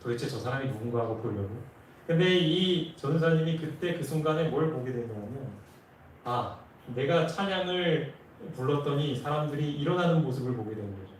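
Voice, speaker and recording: A man's voice: fairly high pitch, animated, normal speed, distant mic, slight background noise. Man preaching in an echoey church. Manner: earnest storytelling, rising with emotion at key moments. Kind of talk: sermon storytelling. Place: church sanctuary.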